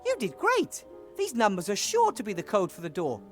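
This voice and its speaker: A woman's voice: medium pitch, wildly swooping pitch, moderate pace. An actress playing a cheerful, curious young woman mage who asks questions in a friendly way. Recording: game audio with faint music.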